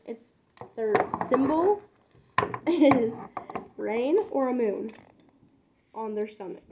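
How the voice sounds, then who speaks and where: A young woman giving drawing clues hesitantly, with many pauses and ums. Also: on the high side, lively intonation, mellow, muffled recording, a little hiss or hum. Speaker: friend giving drawing prompts. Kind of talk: casual chat.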